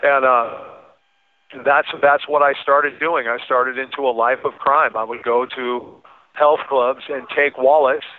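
A man recounts his own life as an interview guest, informal and emphatic. His medium-pitched voice comes through a thin, phone-like line. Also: steady tone, a little slow. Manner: informal, emphatic, quotes remembered speech. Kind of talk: candid personal storytelling.

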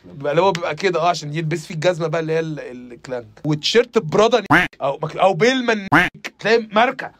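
Rapid-fire Egyptian man, mocking comic riffs. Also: a little high. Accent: Egyptian Arabic. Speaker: podcast host. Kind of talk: comedic podcast banter.

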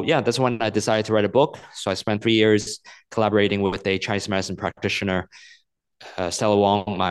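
Being interviewed as an author, a man in his thirties from Hong Kong speaks in a lowish voice. He explains things earnestly and patiently, often repeating words as he works through a thought.

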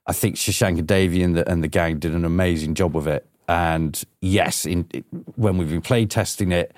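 A man's voice: low voice, steady tone, moderate pace, darkish tone, no room sound, studio quality. A man, a producer, talking eagerly on a podcast, hedging with lots of fillers and restarts. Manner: enthusiastic, hesitant with many fillers. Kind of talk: casual podcast chat.

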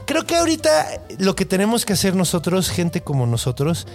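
A man telling a slangy, animated Mexican story. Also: high-pitched, fairly quick, faint music behind. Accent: Mexican Spanish. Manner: slangy, crude, animated retelling with acted-out quotes. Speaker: podcast host. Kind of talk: casual storytelling chat.

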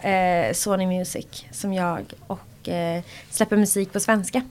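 A young woman from Borås, a pop singer, chatting as a podcast guest and telling animated stories. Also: lowish voice, clear, resonant tone. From Borås, Sweden. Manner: animated storyteller who acts out quoted voices and laughs often. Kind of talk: casual interview chat.

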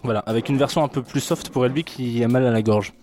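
A man's voice: mid-range voice, quick pace, darkish tone, soft background music. A man co-hosting a casual radio food show, loose and chatty with frequent laughs. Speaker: co-host.

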